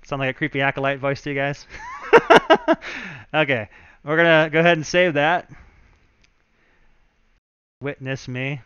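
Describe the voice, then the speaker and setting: A man's voice: fairly high pitch, huge pitch swings, measured pace, long pauses, a bit bright, smooth, dry recording, dull audio. A man, a game developer, chatting casually and thinking aloud as he walks viewers through his work on a live stream.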